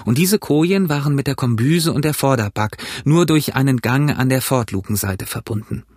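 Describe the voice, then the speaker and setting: Husky-voiced male audiobook narrator. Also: medium pitch, moderate pace, darkish tone, no echo, studio quality. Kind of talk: scripted narration.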